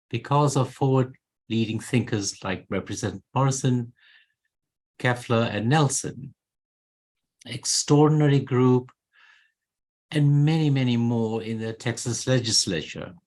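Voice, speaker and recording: Earnest Zambian-born doctor giving a speech. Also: male voice, medium pitch. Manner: earnest, measured, with occasional self-corrections. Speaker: pediatric oncologist and oversight board member. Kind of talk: prepared speech at a policy forum.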